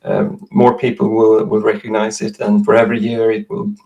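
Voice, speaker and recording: A man with a Swedish accent, a native Swedish speaker, giving measured, explanatory interview answers in English. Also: lowish voice, monotone, dark tone, low-quality recording. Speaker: interview guest.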